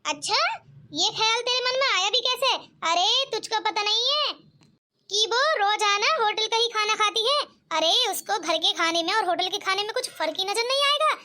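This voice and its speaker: Woman doing a cartoon mother-in-law, bossy, boastful, very high bright voice. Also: expressive, normal speed, exaggerated voice. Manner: commanding, boastful. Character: bossy proud middle-aged mother-in-law. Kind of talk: cartoon voice acting.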